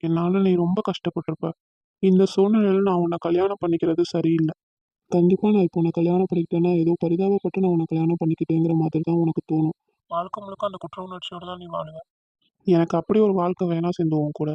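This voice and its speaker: An earnest, lovesick young man in a cartoon, voiced by a man. He speaks tenderly in a high, flat voice. The recording is dull and lo-fi. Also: quick pace, dry recording.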